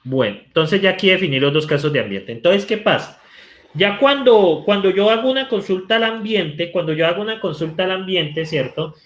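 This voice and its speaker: The speaker is a male lecturer from Colombia whose voice sits high, expressive and fairly bright, moving fairly quickly. With a Colombian Spanish accent he walks students through code in a live online session, talking while typing and tossing out "¿cierto?" over and over.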